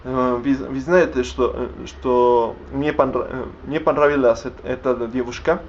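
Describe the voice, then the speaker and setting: Speaking a language he's still learning, this young man, a native Spanish speaker, vlogs without a script and keeps stopping, restarting, and filling gaps as he gropes for words. His intonation is fairly even at a normal middle pitch, and the slightly dull lo-fi audio carries a faint hiss.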